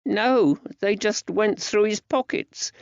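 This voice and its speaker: Heavily acted by a male narrator, a frightened young working-class lad speaks slowly in a high, plaintive, creaky voice that is still clear and resonant, using rustic old-fashioned dialect. He sounds grief-stricken and earnest in this audiobook story. The dry, slightly dull recording has no echo.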